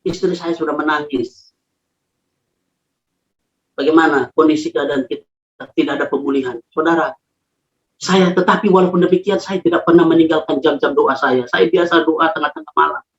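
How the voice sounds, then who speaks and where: A man's voice: a little high, fairly even intonation, moderate pace, long pauses. A man preaching a sermon as a pastor, telling a personal story with emphatic, dramatic delivery. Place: his own room. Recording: echoey, dull lo-fi room recording.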